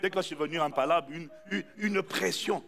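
A man preaching a sermon to a congregation, calling out to them and shouting his points for emphasis. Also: fairly high pitch, brisk, gravelly.

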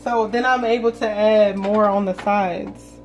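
A woman's voice: mid-range voice, steady tone, measured pace, poor audio. Chatty woman giving a kitchen demo. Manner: chatty, explaining, addresses viewers as you guys. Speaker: vlog host. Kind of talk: casual cooking demonstration. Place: home kitchen.

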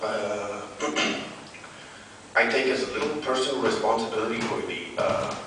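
A man, a poet giving a live poetry reading, declaiming loudly and brashly with crude, deadpan punchlines. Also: fairly low pitch, normal speed, noisy background. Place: festival venue in front of an audience. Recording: very echoey hall, voice picked up from far off.

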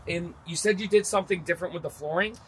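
A man's voice: high-pitched, quick pace, slight background noise, rough recording. A middle-aged man hosting a casual outdoor walkthrough of a van, asking questions with upbeat enthusiasm. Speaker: host. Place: outdoors at a vehicle lot.

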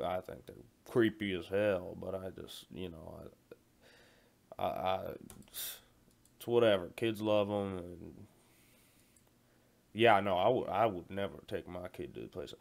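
A man's voice: low-pitched, unhurried, vocal fry. A man playing a callous 40-year-old male night security guard who stammers, repeats himself and rambles in slangy talk during a comedy phone-call monologue. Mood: rambling. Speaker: comedy skit performer.

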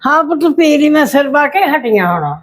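A woman's voice: high voice, very animated, brisk. A woman acting a sly, demanding village aunt in a short drama, evasive and bossy, with a Malwa Punjabi accent. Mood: casual. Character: sly, demanding aunt fond of tea and opium husk. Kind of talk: amateur short-film acting.

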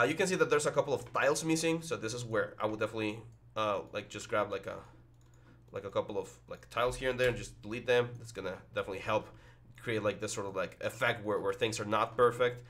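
A man's voice: medium pitch, a bit bright. A young man with a headset teaching 3D modeling over a screen recording, thinking aloud with lots of fillers and restarts. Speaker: 3D modeling instructor. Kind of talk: screen-recorded software tutorial.

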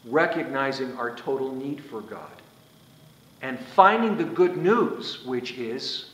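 A man in his sixties, a priest, preaching a sermon with animated gestures and rising and falling emphasis. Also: medium pitch. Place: small church sanctuary, indoors. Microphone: far camera. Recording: echoey church room.

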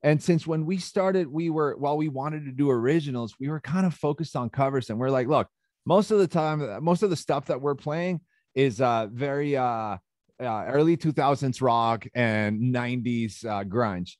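A man's voice: mid-range voice, normal speed, a little mellow, no room sound, clean studio sound. A young man from Chile, a band frontman, chatting casually in an interview, laughing often and talking loosely with fillers.

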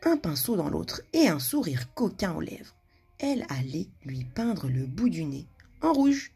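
Animated woman reading to children. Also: low voice, unhurried, vocal fry, slight background noise. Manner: animated, with hushed asides. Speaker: kindergarten teacher. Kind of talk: reading a storybook aloud to children.

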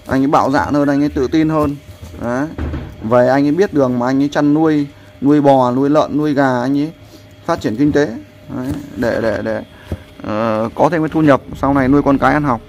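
A man's voice: mid-range voice, fairly quick, darkish tone, muffled recording, soft background music. A man, a vlogger who talks in a rambling way to his viewers and coaches a friend as they cook outdoors. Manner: rambling, repeats "there" often, coaching someone. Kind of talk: casual vlog narration and instructions.

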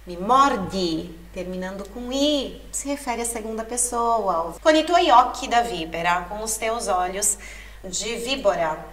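A woman teaching an Italian lesson to Portuguese speakers, explaining patiently and reading lyric lines aloud slowly. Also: mid-range voice, lively intonation. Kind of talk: language lesson. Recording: echoey room, mic at a distance.

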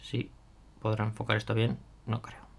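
A man's voice: on the low side, completely flat delivery, moderate pace, creaky, slight background noise. A man chatting casually through a hands-on product demo, thinking aloud with fillers and asides to viewers. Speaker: miniature painting youtuber.

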